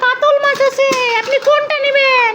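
Chanting street hawker played by a woman, very high, noisy home recording. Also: level tone, moderate pace, reverberant. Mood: hawking. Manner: chanting, calling out to passersby. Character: sing-song street vendor hawking fish and nuts.

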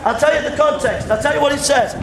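Loud, high-voiced street preacher. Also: male voice, fast. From England. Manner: loud, repetitive, confrontational, pointing and gesturing. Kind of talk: open-air street preaching. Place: outdoor pedestrian shopping street. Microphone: handheld camera a few metres away. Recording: echoey street with crowd noise. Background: passers-by and crowd noise.

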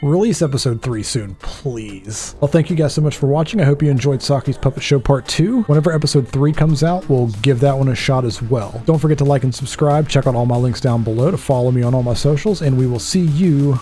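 At a desk in a small dark room, a gaming channel host in his thirties wears a headset with a desk mic while commenting on a horror game let's play. His voice is mellow and brisk with few pauses; he chats and jokes to himself, mocks his own slip-ups, and his pitch shoots up when something scares him. Soft music plays in the background.

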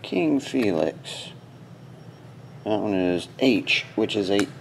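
Hosting a sports card box break at a small indoor desk, a man mutters short, terse fragments while sorting cards. His low, gravelly voice is expressive and slow, with a little hiss or hum.

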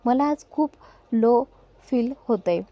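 A woman voicing a troubled young man who speaks in a subdued, weary way, with a mellow tone. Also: fairly high pitch, lively intonation, slow, no room sound. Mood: downcast.

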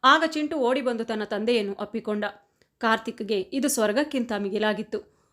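A woman reading a family story aloud as scripted narration, in a steady, even voice. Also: on the high side, normal speed.

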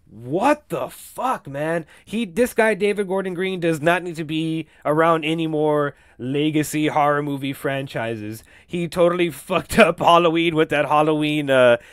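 A man's voice: fairly high pitch, moderate pace, hardly any pauses, fairly bright tone, smooth, dry recording, clean studio sound. A man hosting a solo podcast, ranting casually about movies and TV with constant swearing and fillers. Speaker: podcast host.

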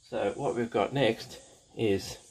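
A man's voice: on the low side, slow, darkish tone, a little hiss or hum, rough recording. A man casually reviewing a plastic model kit as he shows the parts, enthusiastic and repeating his praise, with fillers.

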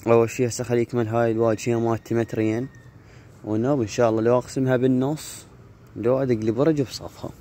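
A man's voice: medium pitch, level tone, fast, dark tone. A man with an Iraqi Arabic accent chatting casually as he hosts a handheld vlog outdoors. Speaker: pigeon keeper and channel host. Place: open rooftop yard with low brick walls, outdoors. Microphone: phone held in hand, filming. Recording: outdoor phone audio with faint background noise.

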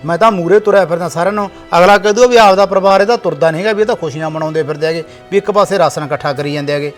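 A man's voice: high voice, racing, faint music behind, lightly acted. A man playing a grown village son, scolding and bossy in tone. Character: grown village son organizing flood relief. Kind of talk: village short film acting.

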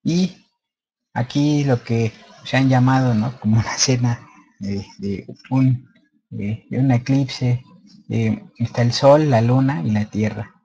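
A man's voice: medium pitch, slow, creaky, warm tone, breathy edge, dull audio. A man presenting a slide lecture in casual unscripted speech, hesitant with many fillers and restarts.

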